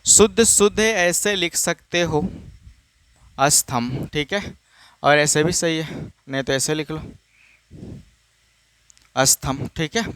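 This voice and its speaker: High, clear-voiced maths teacher. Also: male voice, slow, pauses often, a bit bright, dry recording. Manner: repetitive, asks and answers his own questions; casual, addresses students as children. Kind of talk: classroom lesson for students.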